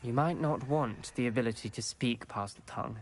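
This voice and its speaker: A man's voice: mid-range voice, fairly quick, a little hiss or hum, close to an everyday voice. An actor playing an earnest, cautious young male wizard student who can speak to snakes, in video game dialogue over game music.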